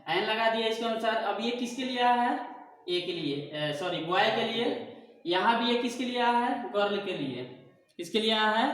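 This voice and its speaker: A man's voice: high-pitched, a bit bright. A man teaching an English grammar lesson in a classroom style, asking his own questions and answering them to drill each point home. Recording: very echoey room.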